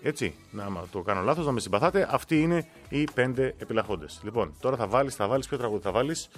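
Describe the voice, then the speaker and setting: A man's voice: mid-range voice, expressive, faint music behind. A man hosting a casual live-stream prize draw, reading winners' names aloud with joking asides. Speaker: host drawing giveaway winners.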